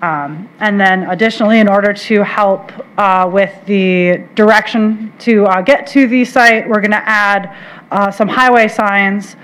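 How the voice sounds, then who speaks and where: A woman presenting a plan to a county board with a halting delivery full of uhs, speaking into a table microphone. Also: mid-range voice, fairly even intonation, fairly bright tone. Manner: halting, many filler uhs. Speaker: water resource specialist presenting to county board. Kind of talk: public meeting presentation. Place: county board meeting room.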